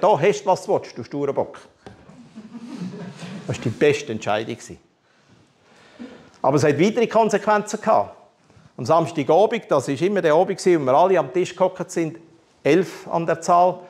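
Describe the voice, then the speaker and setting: A man's voice: fairly high pitch, expressive, moderate pace, a little mellow. A man with a Swiss German accent preaching a candid personal testimony, telling his story with animation and humor. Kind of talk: testimony sermon.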